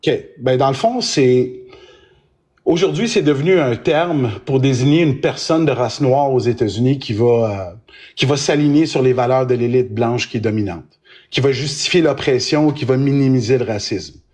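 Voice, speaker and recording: A lawyer from Quebec with a Québécois French accent explains his view in a live-stream debate, frequently restarting his words. His medium-pitched, slightly mellow voice keeps a moderate pace as he hesitantly lays out his reasoning.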